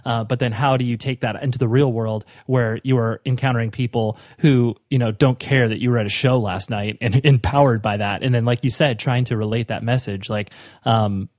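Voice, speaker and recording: A man's voice: medium pitch, steady tone, brisk, a little mellow, no room sound, clean studio sound. A young man interviewing a guest in a casual chat, rambling, with many fillers and restarts.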